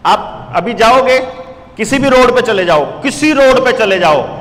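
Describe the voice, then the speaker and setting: A man in his forties giving an impassioned political speech to a small gathering, full of rhetorical questions that rise to shouts. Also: extremely high pitch, animated, a little slow, long reverb tail. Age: 40s. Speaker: political speaker.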